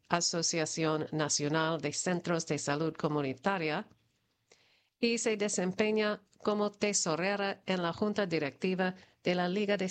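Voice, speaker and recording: A woman reads community news at an unhurried, deliberate pace. Her delivery is steady and measured, each item read out plainly as prepared copy. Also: lowish voice. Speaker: news reader.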